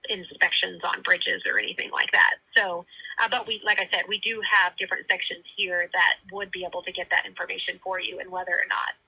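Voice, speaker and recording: An office manager heard over the phone through a dull, lo-fi line. The voice is gravelly and very sharp-edged, with a dry, close sound. The delivery is polite and halting, helpful but unsure. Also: medium pitch, little pitch movement, dry recording. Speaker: office manager of a legal department. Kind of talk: phone call with a caller.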